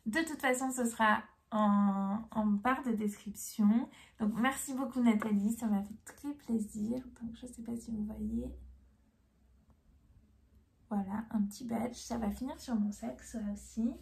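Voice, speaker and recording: At a measured pace, a young knitting vlogger with a fairly high, creaky voice and steady tone talks through her purchases in a casual haul video. She's chatty and enthusiastic, using many fillers.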